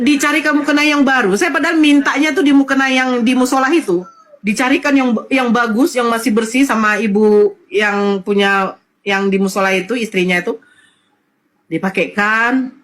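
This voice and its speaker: High-voiced woman telling an emotional story. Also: fairly bright tone, poor audio. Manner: tearful, repeating phrases, quoting prayers and relatives. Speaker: convert sharing her testimony.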